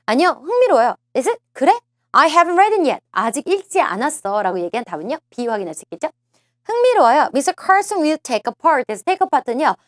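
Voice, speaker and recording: A woman's voice: fairly high pitch, no echo, studio quality. A woman teaching a listening-test prep lecture, coaxing her students, repeating key phrases and asking them questions. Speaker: TOEIC listening instructor.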